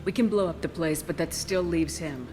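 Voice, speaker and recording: Actress as Commander Shepard, low, firm woman commander. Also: moderate pace, slight background noise, lightly acted, low-quality recording. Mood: probing. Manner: calm, authoritative. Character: firm, level-headed female military space commander. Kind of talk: video game voice acting.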